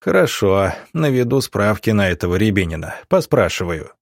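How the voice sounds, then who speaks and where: A man doing a gruff hot-tempered officer. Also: fairly low pitch, big pitch swings, moderate pace, no echo, clean studio sound, full character voice. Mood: weary. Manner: barking, threatening. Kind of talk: audiobook character voicing.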